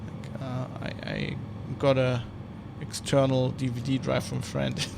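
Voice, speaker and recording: During a casual flight-sim stream, a German man chats in English with a gravelly, fry-edged voice at an ordinary middle pitch. His delivery is completely flat and measured, his talk rambles with false starts and self-corrections, and the background is noisy.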